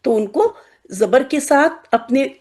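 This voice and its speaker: A woman's voice: high-pitched, animated, a little mellow. A woman teaching Quranic Arabic letters to a class of mostly young girls, explaining patiently with playful examples and frequent check-ins. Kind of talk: classroom lesson.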